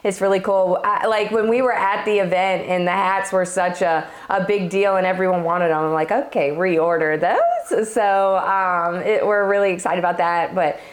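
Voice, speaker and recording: Slightly hoarse woman podcast host. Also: mid-range voice, steady tone, moderate pace, hardly any pauses. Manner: chatty, laughs often. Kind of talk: casual podcast chat. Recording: roomy echo.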